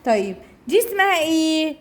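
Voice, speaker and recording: In a noisy room, she guides young children through speech practice with a sing-song, high voice and an Egyptian accent. Target words come out slow and drawn-out, and praise comes often.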